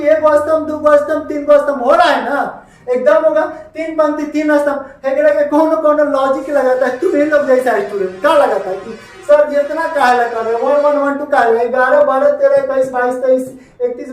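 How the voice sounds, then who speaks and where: Male maths teacher, Bihari Hindi accent, repetitive classroom delivery, recorded from a distance in a very echoey room. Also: extremely high pitch. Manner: repetitive, voices students' questions back to them.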